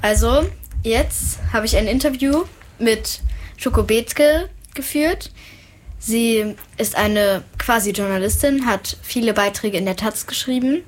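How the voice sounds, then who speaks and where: A woman's voice: a little high, measured pace. Casual woman podcast host. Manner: casual, hesitant. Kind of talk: casual interview chat.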